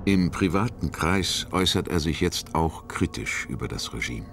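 A man narrating a historical documentary from a script, in short, measured statements. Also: low-pitched, lively intonation, background noise. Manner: short, measured declarative phrases.

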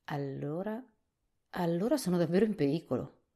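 A woman reading a storybook softly, voicing a thoughtful, worried male scarecrow king. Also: on the low side, expressive, moderate pace.

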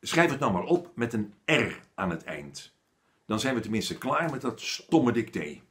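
A man's voice: mid-range voice, a little slow. A man voicing a kind, patient male schoolteacher with a little beard, friendly and teacherly. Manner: lively, friendly teacherly voice that turns stern.

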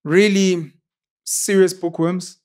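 South African man in his thirties, podcaster guest, confident storyteller, slightly raised pitch, close podcast mic. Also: little pitch movement, slow pace, a little mellow. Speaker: podcaster and YouTuber. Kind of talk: casual interview conversation. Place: studio with sofas, indoors. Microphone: boom-arm podcast mic.

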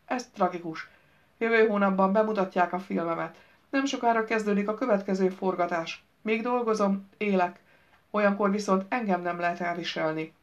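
Woman reader voicing a sulky young male actor, gloomy and self-dramatizing, for an audiobook; mid-pitched, slightly dull lo-fi sound. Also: close to an everyday voice. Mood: self-pitying.

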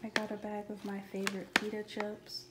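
In her home kitchen, a vlogger walks through her grocery haul, relaxed and matter-of-fact, speaking a little fast. Her pitch hardly shifts. Echo fills the room, with noise clearly audible behind her.

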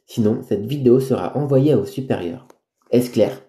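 A man's voice: medium pitch, dark tone, natural voice. A man voicing a stern, formal middle-aged cruise director who lays down the rules. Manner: formal, firm, measured. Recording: roomy echo.

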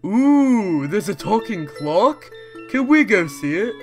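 A woman's voice: mid-range voice, very animated, takes it slowly, a little mellow, faint music behind. A woman voicing an eager, earnest young puppet boy in a cartoon fan dub. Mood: innocent, curious. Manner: earnest, childlike. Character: innocent, eager eight-year-old puppet boy.

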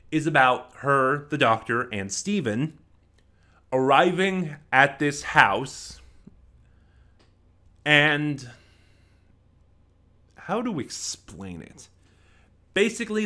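An audio drama reviewer in his twenties gives an unscripted review to camera from a small room at home, speaking into a desk microphone placed close in front. His bright, forceful, mid-pitched voice pauses as he thinks aloud, and he frequently corrects himself.

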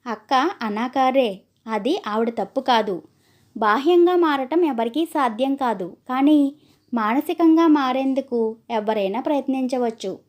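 A woman's voice: high-pitched, measured pace. A woman voicing a bold, clever young sister-in-law in a storybook tale, teasing and lecturing. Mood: scolding.

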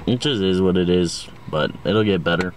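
A man's voice: low-pitched, moderate pace, slight background noise, rough recording. A young man chatting casually to the camera in a vlog, rambling and self-deprecating. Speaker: vlogger host.

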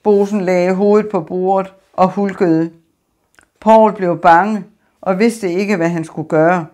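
A woman reading an audiobook in an even, measured narration. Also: fairly low pitch. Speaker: audiobook reader. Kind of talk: scripted narration.

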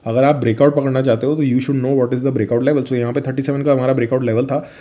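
A man's voice: mid-range voice, flat delivery, fast talker, dark tone. A young man, chatty and casual, walking viewers through crypto charts in a vlog and calling the listener his friend. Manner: chatty Hinglish, addresses viewers as friend, fillers. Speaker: crypto vlogger. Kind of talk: screen-share chart walkthrough.

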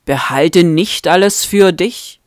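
Reading a fan-made audiobook, a woman voices a gruff, blunt male vampire lover, lowering her voice and keeping it curt and measured. The sound is clean studio quality with no echo.

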